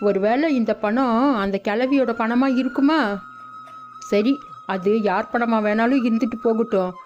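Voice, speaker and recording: A woman putting on a greedy mother-in-law from a village cartoon, bossy and hushed, her voice set lower than the other figures. The sound is dull and lo-fi over faint music. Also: a little slow, natural voice. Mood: scheming. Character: greedy scheming middle-aged mother-in-law. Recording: dull lo-fi audio with background music.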